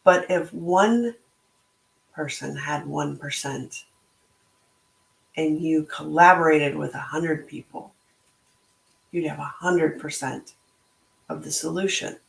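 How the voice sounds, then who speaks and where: A middle-aged woman who hosts a podcast and organizes a book club gives a reflective solo talk in an echoey room. Her deep voice is slightly hoarse with a gravelly edge. She speaks slowly and deliberately, in a thoughtful, motivational way, as though thinking aloud.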